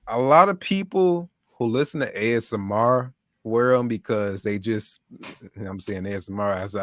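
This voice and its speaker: A man's voice: mid-range voice, fairly bright tone, dry recording, clean studio sound. A young man hosting a casual tech livestream, talking in a laid-back, rambling way with restarts. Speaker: livestream host. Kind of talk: casual chat.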